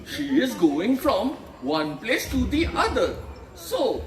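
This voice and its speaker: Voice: mid-range voice, very animated, slow. A performer playing a chatty, flustered outgoing king of ghosts in an amateur comedy skit, talking theatrically in office jargon. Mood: self-important. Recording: echoey stage recording with clear background noise.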